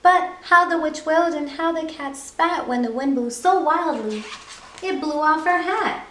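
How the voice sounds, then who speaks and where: A woman with a high voice reads a picture book to children. Her delivery is expressive and follows the rhythm of the rhymes. The recording has clear room echo. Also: measured pace, a little hiss or hum. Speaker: children's storytime host. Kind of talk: animated picture-book read-aloud. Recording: echoey room.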